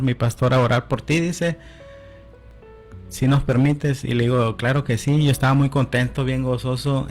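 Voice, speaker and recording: A man shares his personal testimony as a radio guest, telling it as a story, often adding "amén" and quoting conversations. His voice is mid-range and a little mellow.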